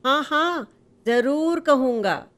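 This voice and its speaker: A woman's voice: high-pitched, lively intonation, slow, a bit bright, voice pushed up, exaggerated voice. A woman doing an eager little mouse. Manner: eager, pleading, sing-song. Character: small cheerful male mouse, proud of his cap.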